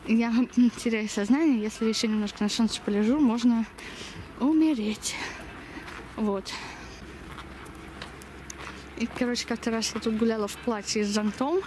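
The noisy audio comes from a handheld camera a young woman vlogger holds at arm's length while walking through a village street and chatting casually. She speaks with a slushy lisp, saying sh for s, in a voice that's a little high and a little mellow.

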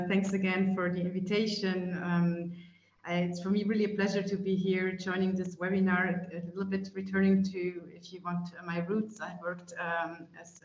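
A woman's voice: lowish voice, slight background noise. Woman speaking on an echoey, dull call. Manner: hesitant, many "uh" fillers and restarts. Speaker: panel speaker, climate expert. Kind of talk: webinar presentation. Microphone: video call. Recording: echoey, dull-sounding video call audio.

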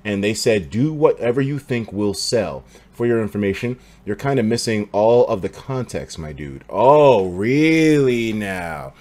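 An American man in his twenties chatting and reacting casually on a livestream, expressive, slangy and profane. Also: lowish voice, a little slow, few pauses. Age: 20s. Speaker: livestreamer reacting to videos and reading chat. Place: indoor streaming room.

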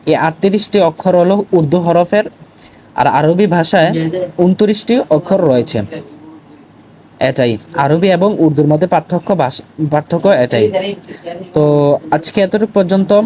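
Patient man teaching letters slowly. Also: fairly high pitch, darkish tone, poor audio. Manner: patient, deliberate letter-by-letter teaching with frequent "to" fillers; stresses pronunciation and asks viewers to repeat. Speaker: Urdu teacher. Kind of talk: recorded online language lesson.

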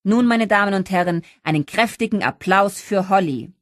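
A woman reading a brash male karaoke host with showy, booming announcements in an audiobook. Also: expressive, normal speed, no echo, clean studio sound, lightly acted.

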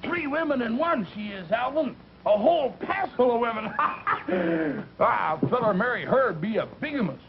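An actor playing a folksy old backwoods man who drawls slowly and breaks into cackling laughs. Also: very high voice, sing-song, vocal fry, full character voice. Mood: teasing. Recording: muffled hissy 1940s film soundtrack.

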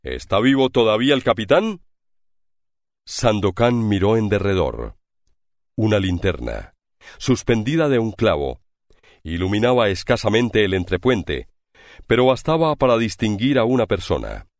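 A man reading an adventure novel aloud in scripted narration. His low voice moves with lively intonation at an unhurried, measured pace. The sound is close and dry. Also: dry recording. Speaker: audiobook narrator.

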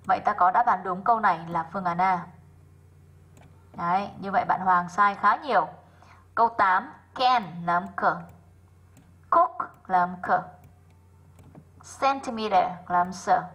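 A woman English teacher, going through worksheet answers in an online class, slowing down to sound out each example word and calling on students by name. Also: medium pitch, a bit bright, poor audio. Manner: methodical, slows down to sound out example words.

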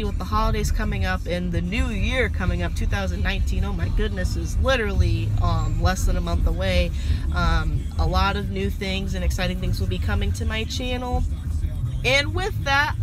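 A woman's voice: medium pitch, poor audio. A teenage girl vlogging while she drives, casual and enthusiastic, with lots of emphatic repeats, recorded on a dashboard camera inside the car. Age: teens. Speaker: YouTuber. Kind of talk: casual vlog talk while driving. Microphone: camera mounted on the dashboard. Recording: car noise in the background. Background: car and road noise.

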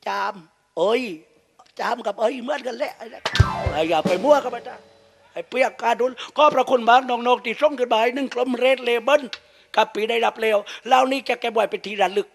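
Speaking briskly in a very high-pitched voice with vocal fry, a man with a Southern Thai accent performs as a shadow puppet master, telling crude comic tales punctuated by jokes and laughs. Faint music plays behind him.

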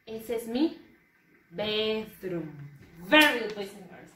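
A woman teaching English to young children in an online lesson, speaking slowly and having the class repeat each word after her. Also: medium pitch, expressive, sharp tone. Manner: slow, repeating words for children to say back. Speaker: primary school English teacher. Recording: roomy, slightly distant, faint noise.

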